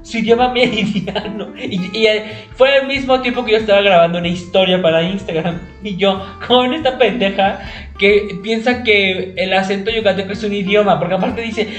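Male podcast co-host, very high voice, rambling storyteller, faint music behind. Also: moderate pace, fairly bright tone, roomy sound. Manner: chatty, with many fillers and restarts. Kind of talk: casual chat.

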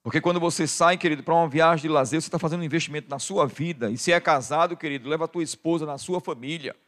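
A middle-aged Brazilian pastor, a man with a Brazilian Portuguese accent, preaching with a somewhat high voice. He keeps calling the congregation "dear" and swings between quiet, intimate stretches and loud, rising passages. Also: very fast. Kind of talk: sermon.

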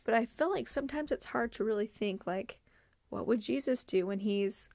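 Female podcast host, sincere and conversational, slight vocal fry, dry recording. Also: a little high, normal speed, a little mellow, no echo. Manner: earnest, heartfelt, conversational with many fillers. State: tearful, choked up. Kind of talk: devotional podcast talk to mothers.

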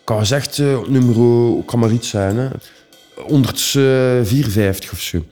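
Rambling Flemish man, mellow voice. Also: medium pitch, normal speed, faint music behind. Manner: rambling, streetwise, with many fillers. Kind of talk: casual personal storytelling.

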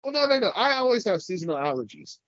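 In casual chat, a podcast co-host from California sounds congested as he rambles, swears casually, and laughs a lot. His voice sits high, swings widely in pitch, and races along with a somewhat bright tone, recorded dry with the highs cut off.

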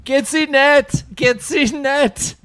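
A man's voice: extremely high pitch, takes it slowly, sharp tone, no room sound, pitched above the performer's own voice, heavily acted. A man putting on a jolly comic German man with an exaggerated mock German accent.

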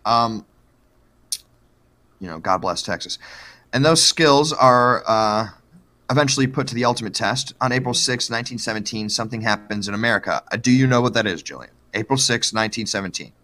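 A man's voice: mid-range voice, a little fast, sharp tone. A man co-hosting a podcast, telling a true-crime story in a joking, profane, casual way. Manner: joking, profane, lots of fillers.

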